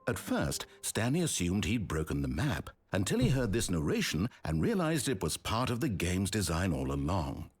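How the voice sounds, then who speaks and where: A deep, husky British game narrator. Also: male voice, full character voice. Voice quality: deep and sultry. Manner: dry, mocking, addresses the player directly. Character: wry, teasing omniscient male narrator.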